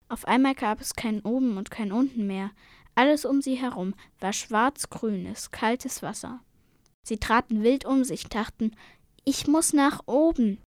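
A woman reading a storybook aloud in a steady, expressive way. Her voice sits a little high for a woman, and the recording is close and dry. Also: dry recording. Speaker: narrator.

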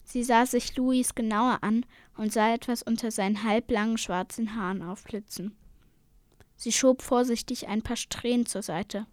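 A woman reading a storybook aloud in a steady, expressive way. Her voice sits a little high for a woman, and the recording is close and dry. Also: moderate pace, dry recording. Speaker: narrator.

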